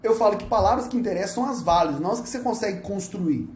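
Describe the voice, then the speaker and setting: A Brazilian man lecturing at a university, with lively pitch that jumps up and down as he explains. He talks in a playful, animated way and keeps checking that students follow. The room around him echoes. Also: racing. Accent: Brazilian Portuguese. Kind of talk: recorded lecture.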